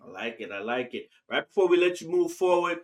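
A man hosting a radio interview, affirming his guest and giving shout-outs between questions. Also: on the high side, expressive, fairly quick. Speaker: radio show host. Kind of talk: interview conversation.

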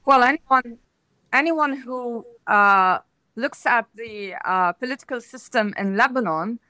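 A woman giving analysis as a guest in a panel discussion. Her voice is pitched a little high and sounds bright and clear, and it is recorded dry and close. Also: unhurried, dry recording.

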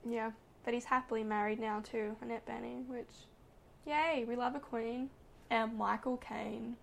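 A woman's voice: a little high, steady tone, unhurried, gravelly, fairly bright tone, slight background noise. A woman co-hosting a podcast, chatting casually and gushing like a gossipy storyteller. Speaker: podcast co-host. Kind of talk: casual chat.

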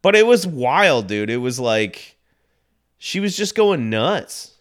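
A man on a podcast, telling a story in casual chat, rambling and swearing, with loud acted-out quotes. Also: mid-range voice, very animated, slow. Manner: rambling, swearing, laughing, acts out quotes loudly. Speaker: podcast co-host. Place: Los Angeles.

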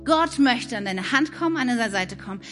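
A woman preaching a sermon, moving between animated questions and hushed, soft-spoken passages. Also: fairly high pitch, normal speed, music in the background.

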